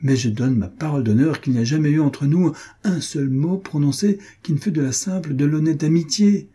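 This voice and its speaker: A man reading a composed, guarded lover who answers in a measured, deflecting way, in an audiobook. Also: mid-range voice, mellow, husky, natural voice. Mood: indignant.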